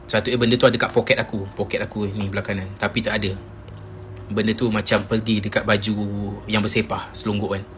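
Pria Malaysia bercerita santai dan hidup. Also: male voice, fairly low pitch, fast talker, slight background noise. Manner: animated, acts out friends' shouts in quoted lines. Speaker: Instagram live host. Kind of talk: casual storytelling on a live stream. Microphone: phone.

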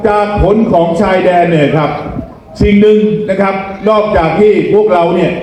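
A man's voice: high voice, moderate pace, a little mellow, a little hiss or hum. A man giving a campaign rally speech as a candidate, in a folksy way, repeatedly putting questions to his listeners. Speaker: parliamentary election candidate. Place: rally venue, speaking to a gathered crowd. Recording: echoey public address sound.

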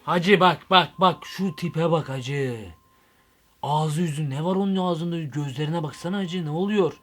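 Excitable high-voiced young man ranting. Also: measured pace. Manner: excitable, rambling, slangy. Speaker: YouTube comedian. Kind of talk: comic vlog monologue.

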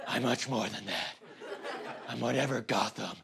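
A man doing a sketch comedy impression of a self-serious, defensive caped superhero in a gravelly growl. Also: medium pitch, normal speed, crowd noise, lightly acted. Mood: brooding.

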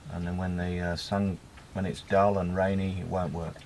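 Recorded on a handheld or mounted camera mic with a little hiss or hum, a fiftysomething Australian sailing vlogger gives casual commentary from a windy beach and a small sailboat. His voice is low-pitched and darkish, flat in delivery, at normal speed. He rambles in a laid-back way, saying "uh" a lot.

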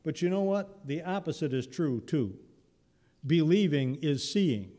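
A man's voice: a little high, animated, a little slow, mellow. A male pastor preaching a sermon in a church, telling Bible stories in a conversational, humorous way. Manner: conversational, humorous storytelling with acted-out voices. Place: church sanctuary. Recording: long church reverb.

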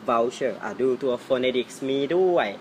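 A man teaching English pronunciation in a casual, playful way, teasing his viewers and stretching out example words slowly. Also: medium pitch, a little mellow, slight background noise.

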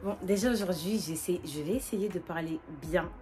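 A woman in her twenties with a northern French accent, chatting casually and quickly as a vlogger while doing her makeup, with lots of fillers and restarts. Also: fairly low pitch, over music. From northern France. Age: 20s. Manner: fast, animated, many fillers and restarts.

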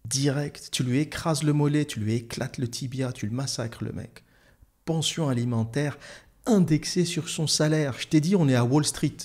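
A man's voice: on the high side, normal speed, a little mellow. A man delivering a heated, sarcastic solo monologue as an online commentator, using crude slang and frequent hesitation fillers.

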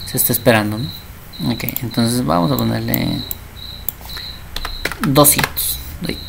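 A man's voice: mid-range voice, vocal fry. Man, programming teacher, casual explaining, faint background noise. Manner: chatty, constantly checking understanding; acts out little dialogues. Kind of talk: programming lesson.

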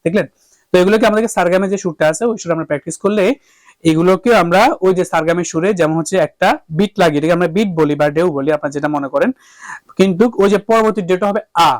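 A man with a high-pitched voice talks fast in a recording with no echo. He's leading a singing lesson with a harmonium, walking the class through each step, often asking "okay?", and then singing sustained vowel drills.

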